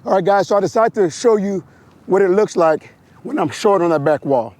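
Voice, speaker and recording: This is a hoarse male motorcycle instructor coaching slow-speed riding step by step and repeating short cues. His voice is high-pitched, expressive, and a little mellow, picked up outdoors by a wireless mic.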